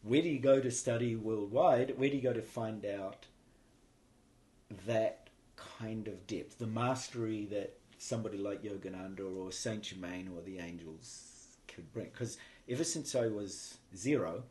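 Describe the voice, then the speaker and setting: With a darkish, low voice and a measured pace, a New Zealand spiritual teacher reflects on his past in a casual interview. He wanders from thought to thought, often restarting what he is saying.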